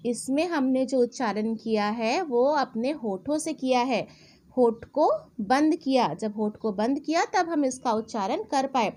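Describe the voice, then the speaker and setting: A young woman teaching a children's alphabet lesson, sounding out each letter slowly and deliberately. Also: high voice, lively intonation, a little mellow.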